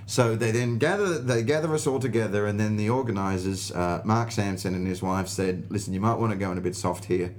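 An Australian stand-up, being interviewed, tells anecdotes fairly quickly and with hardly any pauses, his voice low-ish and darkish in tone. He's casual, emphatic and sweary, acting out the dialogue as he goes in animated conversation.

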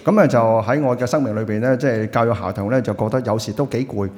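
A man interprets a sermon line by line, quick and conversational. His voice sits in a middle range and rings with a long church-hall reverb. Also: medium pitch, darkish tone. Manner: quick, plain, conversational rendering.

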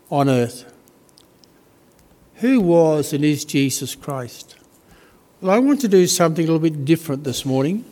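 A man preaching a sermon as a priest, reading scripture slowly and deliberately with pauses. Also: a little high, a little mellow.

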